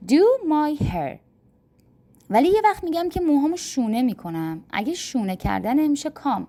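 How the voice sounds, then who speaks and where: A woman from Iran teaching an English lesson, explaining step by step and slowing right down on each English example. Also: mid-range voice, gravelly, dark tone. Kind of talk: language lesson.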